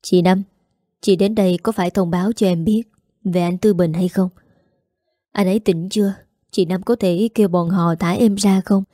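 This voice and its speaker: A woman's voice: lowish voice, fairly even intonation, moderate pace, dark tone, no room sound, clean studio sound, close to an everyday voice. A woman voicing a desperate jailed young mother, begging tearfully. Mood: pleading.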